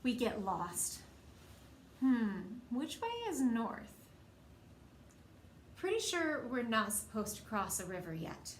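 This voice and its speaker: Reading a picture book to young children, a woman speaks slowly at a fairly high pitch, leaving long pauses. She performs the dialogue expressively and puts questions to her audience. There's a roomy echo and a faint background noise.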